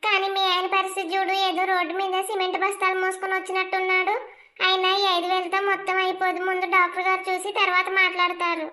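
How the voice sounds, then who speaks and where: An actress voicing a brisk, businesslike hospital receptionist in a cartoon drama. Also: female voice, very high voice, monotone, pushed and bright. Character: curt hospital receptionist woman.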